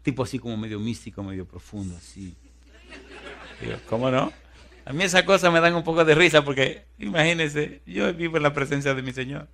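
Dominican preacher telling a story. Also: male voice, a little high, brisk, vocal fry. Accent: Dominican Spanish. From Dominican Republic. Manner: animated storytelling, acting out dialogue, laughing often; drops to soft, hushed prayer voice. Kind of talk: storytelling sermon.

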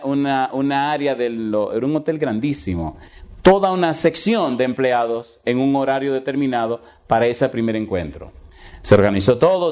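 A male pastor telling a humorous story in a sermon, acting out the dialogue. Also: mid-range voice. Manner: humorous, animated, acts out dialogue.

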